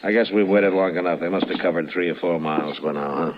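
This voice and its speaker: Actor as Marshal Matt Dillon, very deep-voiced lawman. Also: fast, background noise, lightly acted. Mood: terse. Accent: American. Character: stern, steady frontier US marshal. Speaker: lead character and narrator. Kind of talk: old-time radio western acting and narration. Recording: dull old radio recording with music.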